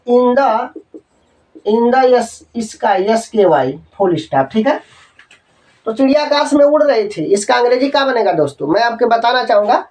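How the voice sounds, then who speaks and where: A man teaching an English grammar lesson, dictating example sentences slowly, spelling words letter by letter and checking that students follow. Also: very high voice, distant mic, low-quality recording. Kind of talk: Hindi-medium grammar lesson.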